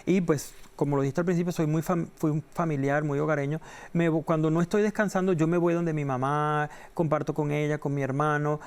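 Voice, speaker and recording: A man's voice: fairly even intonation, a little fast, smooth. A middle-aged man from Venezuela, a reporter guest in an interview, telling anecdotes with animation and acting out the people in them. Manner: acts out the voices in his anecdotes, jumping up in pitch.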